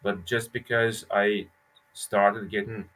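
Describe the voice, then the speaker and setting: A man's voice: fairly low pitch, little pitch movement, slow, a bit bright, low-quality recording. A man from Lithuania, a brewery founder, chatting casually and telling his story with self-mocking jokes over a call mic. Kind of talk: casual chat.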